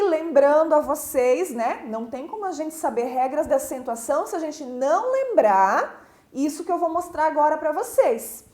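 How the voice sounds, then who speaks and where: A woman's voice: high voice, a little mellow. A woman teacher with a Brazilian Portuguese accent, giving a recorded school lesson and explaining step by step with frequent check-in questions. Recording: echoey room.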